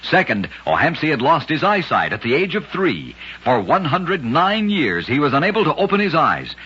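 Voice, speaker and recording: A man reads scripted stories of odd facts like an old-time radio host, his very raspy voice forceful and emphatic. His dramatic delivery moves at normal speed with huge swings in pitch, and the recording sounds dull and aged.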